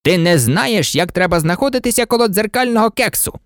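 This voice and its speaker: Storybook unicorn, cocky and excitable, raised lively voice, played by a man. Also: high voice, a little fast, no room sound, clean studio sound, pitched above the performer's own voice. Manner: eager, exclaiming. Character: boastful excitable unicorn, quick to protest.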